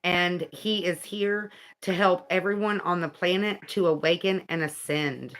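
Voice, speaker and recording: A woman giving a casual spiritual card reading, reading aloud in a slow, thoughtful way and second-guessing herself. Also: lowish voice, fairly bright tone.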